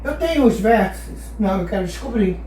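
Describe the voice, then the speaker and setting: Brisk and expressive, with a warm, medium-pitched voice, a woman explains a geometry lesson, patiently posing questions to her students and then answering them. She is far from the mic in an echoey space, with a little hiss or hum.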